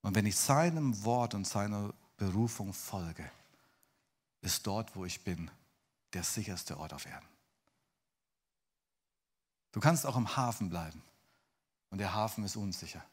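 Dramatic male preacher, loud to hushed. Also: lowish voice, expressive, unhurried, long pauses, slightly rough. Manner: dramatic, swings from loud bursts to hushed near-whispers; addresses listeners directly with frequent "ne?". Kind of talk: sermon.

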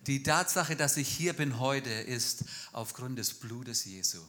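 A man interpreting a speaker line by line at a church, fluent and quick. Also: medium pitch, pushed and bright. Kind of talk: live consecutive interpreting in a church.

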